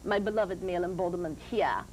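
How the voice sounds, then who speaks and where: Guy doing seance medium in a trance, high formal otherworldly spirit voice, grand n deliberate, noisy old tv tape. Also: lightly acted. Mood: solemn teaching. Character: serene, grand otherworldly spirit teacher of light. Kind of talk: trance channeling, preaching spiritual teachings.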